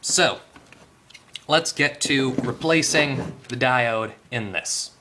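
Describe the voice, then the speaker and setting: The host of a hands-on electronics repair tutorial talks slowly at a medium pitch, with a noisy background behind him. His explanations are casual and off the cuff, and he thinks aloud and corrects himself along the way.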